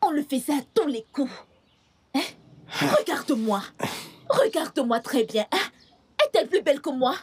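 A woman's voice: sits high, expressive, normal speed, long pauses, darkish tone. A young woman dubbing a headstrong village woman who argues defiantly and clings to a lover, in a French film dub. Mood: possessive. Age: young adult. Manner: defiant, insistent. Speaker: dubbing actor.

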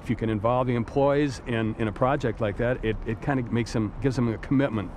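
A man's voice: medium pitch, steady tone, quick pace. Middle-aged man, emphatic and direct, outdoor interview, city traffic noise. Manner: blunt, emphatic, repeats words. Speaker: business owner giving advice. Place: outdoors on a waterfront pier.

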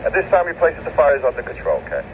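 Fire officer reading a formal radio report, muffled, noisy street. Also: male voice, fairly high pitch, huge pitch swings, racing.

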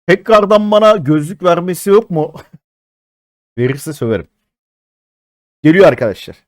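A man in his thirties doing live-stream commentary as a mobile game streamer, excitable and chatty with his viewers, swearing often. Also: a little high, moderate pace, no echo, studio quality. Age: 30s.

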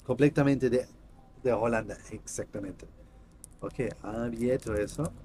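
A man in his thirties, a native German speaker with a German accent, chatting casually in halting, simple non-native Spanish as a vlog host. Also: medium pitch, background noise. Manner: halting, simple broken phrasing. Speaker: host of a card-opening channel. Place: small room indoors.

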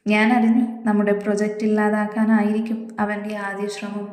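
A teasing, playful young man, voiced by a woman reading the story. His voice is mellow and evenly pitched. Long room reverb hangs around every line. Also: monotone, brisk, close to an everyday voice. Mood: serious.

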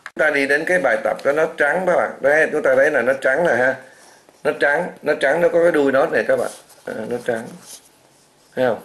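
A man's voice: fairly high pitch, fast talker, a bit bright, a little hiss or hum. A man teaching a beginner organ lesson, patiently counting beats and chanting note names. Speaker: music teacher. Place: music classroom indoors. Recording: echoey room with organ playing.

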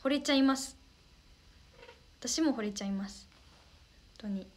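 A woman's voice: on the high side, normal speed, slight background noise. A young woman hosting a casual livestream, reading viewer comments aloud in a bubbly, polite way and thanking them often. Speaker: idol livestream host.

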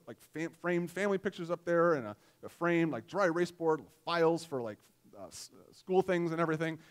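A man in his forties delivers a sermon from a church stage, his voice sitting noticeably high for a man. He keeps it conversational and self-deprecating, telling homely stories between points. The sound is close and clean from a headset mic. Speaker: pastor.

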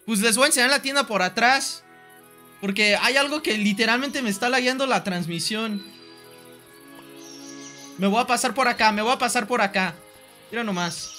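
Young man, Mexican Spanish accent, bright sharp voice, playful rambling streamer, casual swearing, faint music behind. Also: very high-pitched. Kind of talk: joking gameplay live stream. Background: faint background music.

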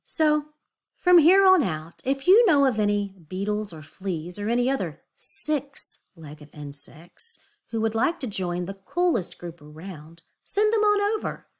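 Her pitch is medium but swings widely as this teacher reads a picture book to small children at a measured pace. She emphasizes words, confides little asides, and asks questions along the way.

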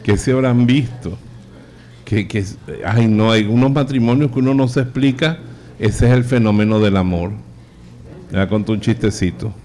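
A man's voice: on the low side, steady tone, moderate pace, a little mellow. A man, a priest giving a live sermon, telling jokes and acting out the characters. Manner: acts out joke characters with voice changes. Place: church or chapel hall, live audience. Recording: live radio broadcast, faint noise.

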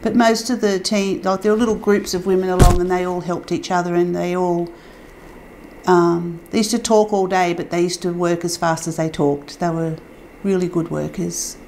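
A woman's voice: fairly low pitch, steady tone, moderate pace, a little mellow, slight background noise, rough recording. A woman in her sixties plainly recalls former workmates, speaking indoors to an interview camera. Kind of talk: oral history recollection. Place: indoor room.

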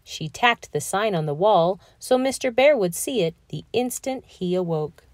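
A woman reading a children's picture book aloud in an expressive, deliberate storytelling manner. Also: mid-range voice, no room sound, clean studio sound. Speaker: storybook reader.

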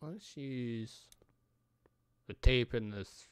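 A man's voice: medium pitch, drawn-out words, clear, resonant tone, dry recording. A middle-aged man streaming a game with casual, grumbling commentary, muttering to himself. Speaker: live-streaming gamer.

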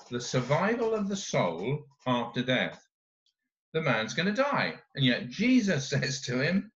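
Male lay preacher, mid-pitched, slow and emphatic sermon delivery, muffled lo-fi sound. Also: fairly bright tone, slight background noise.

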